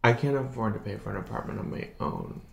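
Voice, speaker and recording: A man co-hosting a podcast, chatting casually with quick reactions and teasing jokes. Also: on the low side, sing-song, creaky, a little hiss or hum. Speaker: podcast co-host. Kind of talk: casual chat. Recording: roomy echo.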